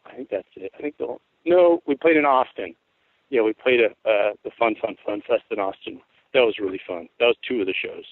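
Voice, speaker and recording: A Tacoma, Washington man in his forties, a guest musician, rambles through stories in a laid-back way and swears often during a casual interview. His voice is rough, worn, and lowish, and he talks fairly quickly. The audio is dry and tinny like a phone line, with no room sound.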